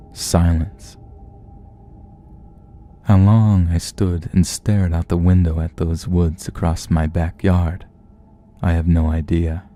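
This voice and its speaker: Male horror narrator, very dark and low, unhurried and somber, faint music underneath. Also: slight background noise. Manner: slow, measured, somber. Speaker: horror story reader.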